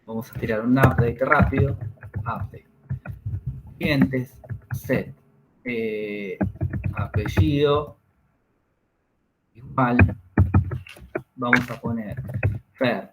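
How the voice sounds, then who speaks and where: A man's voice: medium pitch, very slow, pauses often, very noisy. A man teaching a class, explaining each step and checking in with his students. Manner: explains step by step, checks understanding with tag questions. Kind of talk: classroom lesson.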